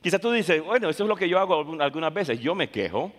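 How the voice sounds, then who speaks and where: A man's voice: on the high side, big pitch swings, quick pace, a bit bright. A man preaching a sermon, switching between languages line by line, emphatic and repeating phrases for stress. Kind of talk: bilingual sermon, English and Spanish in turn. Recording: long reverb of a large hall.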